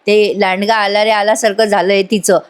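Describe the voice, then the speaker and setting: A woman's voice: medium pitch, flat delivery, normal speed, smooth. A woman doing a chatty voice-over review of a TV serial, speaking directly to viewers.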